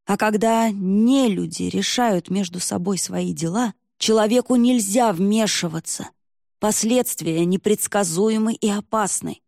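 A woman's voice: medium pitch, measured pace, vocal fry, a little mellow, no echo, studio quality. A woman voicing a grumbling, weary older village man in an audiobook.

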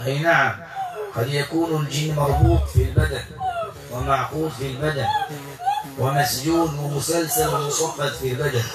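A man's voice: a little high, steady tone, moderate pace. A man working as a Quran healer, speaking in a commanding, coaxing way to a possessed patient during an exorcism session. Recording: echoey room, far from mic, loud noise.

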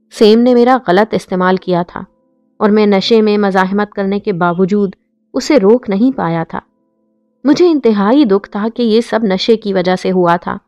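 A woman reads a novel aloud in a steady, emotive storytelling manner. Her voice sits at a middle pitch and is recorded dry and close, with faint music behind it. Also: dry recording. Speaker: audiobook narrator. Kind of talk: scripted novel narration.

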